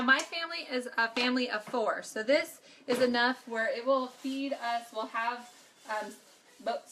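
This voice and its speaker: With background noise behind her, a woman whose voice is on the high side runs a casual live cooking stream. She's a middle-aged vlog host cooking at home and greeting viewers by name as they chat.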